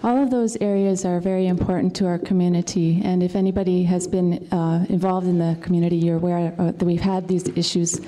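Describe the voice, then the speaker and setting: A woman candidate answering a forum question in a measured, methodical way, going through each point in turn. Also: fairly low pitch, little pitch movement, mellow. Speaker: political candidate. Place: indoor community meeting room.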